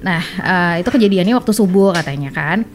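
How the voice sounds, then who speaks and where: A woman's voice: fairly low pitch, lively intonation, fairly quick. Casual woman podcaster with faint background noise. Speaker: podcast co-host. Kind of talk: casual chat, retelling a listener's story.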